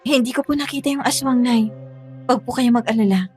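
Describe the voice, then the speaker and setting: A woman's voice: fairly high pitch, a little fast, a little mellow, soft background music, natural voice. A young woman voicing a polite, fearful young servant in an audio horror drama. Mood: earnest. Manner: polite, earnest, breaks into screaming and sobbing.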